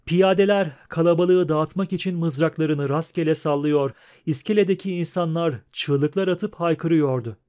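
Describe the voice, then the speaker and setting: A man narrating an audiobook in a steady, measured reading. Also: on the high side, clean tone. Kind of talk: scripted narration.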